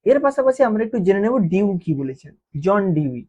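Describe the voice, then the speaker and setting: A woman teaches an exam-prep lesson in a mellow, darkish voice. She repeats key terms and keeps checking in with the class by asking whether they follow. The recording is dull and muffled, like lo-fi audio. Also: mid-range voice, big pitch swings, fairly quick.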